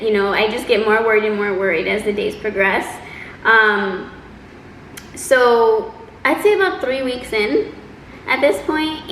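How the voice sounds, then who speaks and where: A woman telling a personal story in a casual, chatty, animated way, acting out quotes as she goes. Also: on the high side. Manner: animated, exaggerating delivery with acted-out quotes. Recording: roomy echo, faint background noise.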